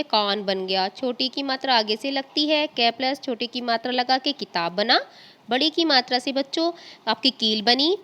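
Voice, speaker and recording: Bright-voiced Indian woman teacher. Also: fairly high pitch. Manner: patient, addresses pupils often, spells out sounds slowly. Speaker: school teacher. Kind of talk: recorded classroom lesson.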